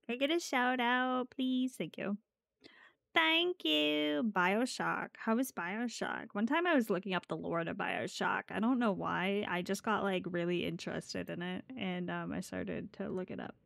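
A woman's voice: mid-range voice, measured pace, creaky, fairly bright tone, no echo. A woman streaming casually as a VTuber, talking in a playful, giggly gamer-girl way with swearing, close on the mic. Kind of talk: casual live stream chat.

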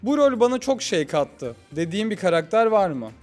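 High-voiced man asking questions over music. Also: sing-song, brisk, a little mellow. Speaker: interviewer. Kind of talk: reading interview questions. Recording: music playing under voice.

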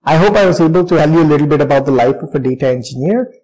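A man with a polished, educated Indian accent gives an explanatory career talk. His voice sits a little higher than average. He phrases things formally and in a measured, articulate way. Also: animated, a little mellow, low-quality recording. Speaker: data engineer giving a career talk. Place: bright indoor room by large windows, seated.

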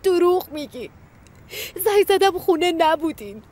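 A woman's voice: very high-pitched, animated, darkish tone. A woman playing an anguished mother who pleads emotionally to be with her young son, in a dubbed TV drama. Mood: pleading. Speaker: dub actress.

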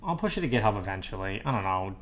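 Rapid-fire and a bit bright, this man's lowish voice carries lively intonation as he codes on a livestream. His casual commentary rambles, full of muttered asides, picked up close by a desktop USB mic over slight background noise and faint typing.

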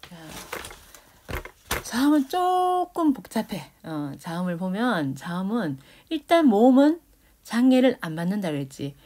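This teacher has a mellow, sing-song voice of medium pitch and talks a little slowly. In her lecture on Korean grammar and phonetics, she explains speech sounds, pronounces consonants aloud, and checks in with the class.

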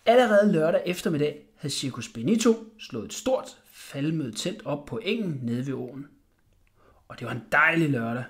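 A man reading a children's bedtime story aloud in an expressive way. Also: fairly high pitch. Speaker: audiobook reader.

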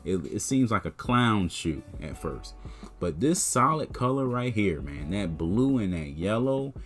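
Man, lowish voice, easygoing sneaker vlogger, faint music bed. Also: sing-song, unhurried, fairly bright tone. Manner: laid-back, chatty, says "man" and "you know" often. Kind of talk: casual talk to camera.

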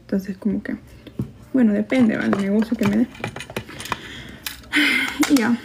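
A woman's voice: mid-range voice, steady tone, unhurried, gravelly, noisy background. A young woman from El Salvador with a Salvadoran Spanish accent tinged with Mexican, chatting casually on a livestream, gossipy and laughing easily as she answers comments. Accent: Salvadoran Spanish with some Mexican. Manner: reads viewer comments aloud. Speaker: livestream host. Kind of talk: casual live-stream chat.

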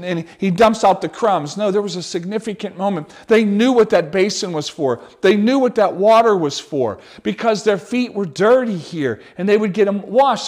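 High-voiced man preaching a lively sermon. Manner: animated, conversational preaching with many restarts. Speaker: pastor.

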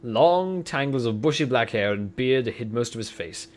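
A man reads a fantasy story aloud in a mid-pitched voice, stopping now and then to crack jokes and banter. His delivery is loose and comic rather than polished. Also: animated, normal speed. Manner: reads narration, breaks off to banter and joke. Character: Professor McGonagall, stern older woman. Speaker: reader and puppet show performer.

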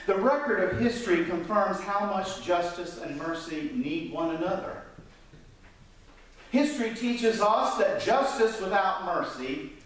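A man in his fifties preaching a sermon from a church pulpit, gesturing and swinging his voice high and low. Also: slight background noise. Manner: animated, gesturing preacher with wide swings in pitch. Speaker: pastor. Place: church sanctuary. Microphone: pulpit mic, filmed from the pews. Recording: echoey church from a distance.

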